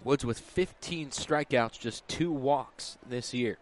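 A man with a medium-pitched voice calls live baseball play-by-play, taking it slowly in clipped, terse phrases. Clear outdoor ballpark ambience surrounds him.

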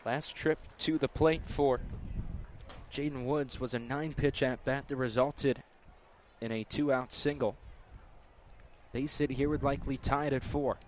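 A man delivers live baseball play-by-play in a mid-range voice. His phrasing is clipped and terse, and clear outdoor ballpark noise runs behind him. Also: medium pitch, steady tone, unhurried, long pauses, a little mellow. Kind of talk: live play-by-play sports commentary. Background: outdoor ballpark ambience.

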